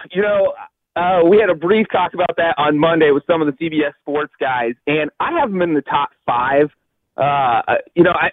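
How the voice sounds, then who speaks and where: A man from Cincinnati calling in over the phone as a guest analyst on a sports radio show, talking fast and sure of himself with plenty of fillers. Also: a little high, dry recording. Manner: quick, confident, thinks aloud with fillers. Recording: tinny phone line.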